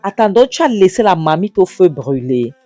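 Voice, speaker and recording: A narrator acting out an indignant husband who scolds his wife, raising the pitch and repeating "Hein?". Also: normal speed, mellow, no room sound, soft background music, natural voice.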